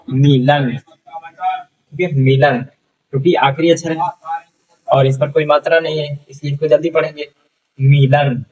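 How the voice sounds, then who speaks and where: A man teaching a beginners' reading lesson, sounding out syllables slowly, repeating each word and often checking that the class follows. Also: on the high side, darkish tone, slightly rough, recorded from a distance, highs cut off.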